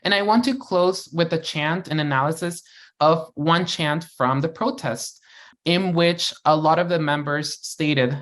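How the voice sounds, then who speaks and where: A panel speaker reading a prepared academic talk in a measured, formal way. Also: medium pitch, fairly bright tone.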